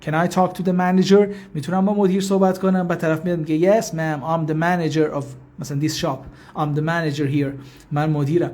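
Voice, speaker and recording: High-voiced man teaching a live language lesson. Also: level tone, a little mellow. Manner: reads out viewers' names and repeats English phrases slowly; explains patiently and informally. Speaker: English teacher.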